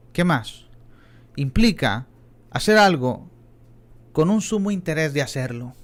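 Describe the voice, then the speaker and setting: A middle-aged man preaching a Bible class in a church, earnest and emphatic, often addressing his listeners as brothers. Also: fairly high pitch. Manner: earnest, repeats "hermanos" often, emphatic rises on key words. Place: church in Texas.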